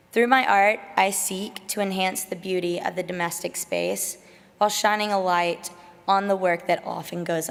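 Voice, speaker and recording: A hoarse woman, giving an emotional, grateful conference presentation in a large convention hall on a lectern mic. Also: medium pitch. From Alabama, USA. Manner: emotional, grateful, laughs nervously. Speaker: emerging artist presenter. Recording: long hall reverb.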